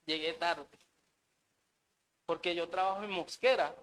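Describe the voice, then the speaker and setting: Slow, bright-voiced preacher. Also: male voice, fairly high pitch, steady tone, rough recording. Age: adult, married. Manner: earnest, repeats words and says amen often. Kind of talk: sermon.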